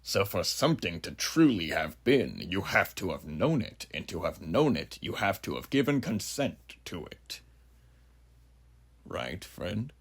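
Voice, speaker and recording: Sinister ageless judge, horror monologue, husky gravelly rasp, widely swooping delivery, grandiloquent, slow theatrical musing. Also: male voice, deep voice, very animated, full character voice. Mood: ominous philosophizing. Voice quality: gravelly, husky, breathy at phrase ends. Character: huge ageless sinister philosophizing judge, menacing male drifter. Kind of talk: horror character monologue addressed to listener.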